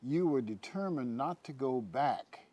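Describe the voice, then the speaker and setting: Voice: mid-range voice, animated, unhurried, mellow. A faith-based talk show host who prompts the guest and affirms her story.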